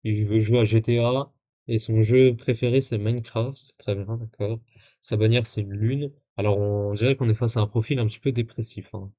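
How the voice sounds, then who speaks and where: A man's voice: on the low side, fairly even intonation, normal speed, mellow, highs cut off. A man live-streaming, reading messages aloud and commenting in a casual, rambling way with lots of fillers and sarcastic asides. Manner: casual, rambling with many fillers and self-corrections.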